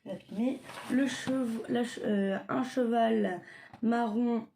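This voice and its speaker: A young home vlogger shows off her diamond painting stock in a casual show-and-tell, her slightly high voice steady and mellow. She speaks slowly and haltingly with many fillers and self-corrections, and background noise is clearly audible.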